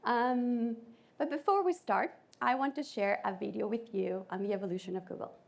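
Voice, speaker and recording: A woman from Colombia with a Colombian Spanish accent, giving a lively conference talk to an audience. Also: fairly high pitch, normal speed, gravelly, noisy background. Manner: lively, audience-engaging presenter. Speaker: conference speaker.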